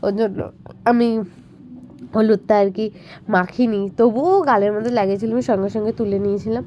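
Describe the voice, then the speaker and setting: Young woman, hoarse from a cold, bengali accent, chatty vlog voice-over, warm mellow tone. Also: medium pitch, normal speed, slight background noise. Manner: chatty, rambling, many fillers. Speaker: vlogger. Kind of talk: casual voice-over narration.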